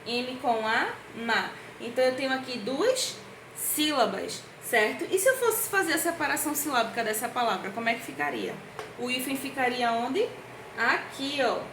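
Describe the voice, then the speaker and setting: A woman's voice: sits high, fairly bright tone. Echoey, patient teacher woman. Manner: patient, sing-song teacher talk that checks in often with the children; slow, drawn-out words when spelling out syllables. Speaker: primary school teacher. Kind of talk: recorded review lesson for young children. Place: indoor room at a board, writing with a marker. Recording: echoey room with faint background hiss.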